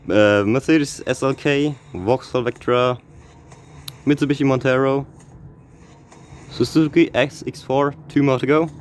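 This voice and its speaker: A man giving casual, excitable commentary on opening car packs in a racing game, reading out car names and laughing often, a little out of breath. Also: medium pitch, takes it slowly, pauses often, a little hiss or hum. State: slightly out of breath. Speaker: gaming YouTuber.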